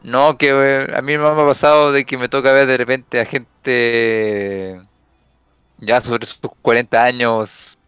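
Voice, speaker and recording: Man, call-in guest; smooth clear voice, laid-back and joking, dry sound. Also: medium pitch, level tone, takes it slowly, a bit bright, dry recording. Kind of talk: casual chat. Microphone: call audio that cuts out.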